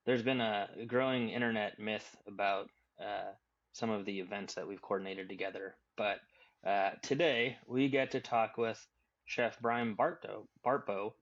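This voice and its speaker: A man hosting a casual podcast chat in a relaxed, hesitant way with many fillers. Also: lowish voice, a little slow, muffled recording. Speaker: podcast host.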